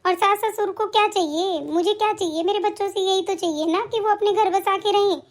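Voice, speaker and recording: A woman voicing a stern mother who scolds her daughter and preaches about duty in an animated story. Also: extremely high pitch, a little fast. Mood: preachy. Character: stern moralizing mother of grown children.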